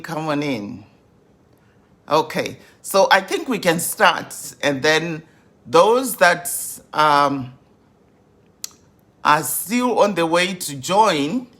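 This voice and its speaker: A woman in her fifties, a grief coach hosting a live stream, welcoming viewers over and over in an unhurried way with many fillers. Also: sits low, a bit bright. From Zimbabwe.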